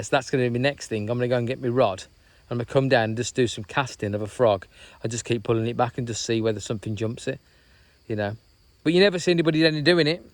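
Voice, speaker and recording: A man's voice: medium pitch, no room sound. A man chatting in a rambling, casual way on a walking vlog outdoors by a reservoir. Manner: rambling, chatty, full of "you know what I mean". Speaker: vlogger.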